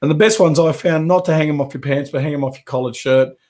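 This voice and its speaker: A man's voice: a little high, fast, a little mellow. A man with a head cold and a fading voice, rambling casually through a live webinar Q&A from his home office. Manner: casual, rambling, with many fillers and restarts. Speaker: carpet cleaning business coach.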